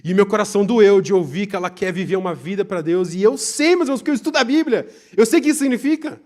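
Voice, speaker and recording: Young Brazilian pastor with a high-pitched voice, preaching live, lively swings from loud to hushed. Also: male voice, fast. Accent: Brazilian Portuguese. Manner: animated, swings between loud emphasis and hushed asides. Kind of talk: live sermon. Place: church, live service.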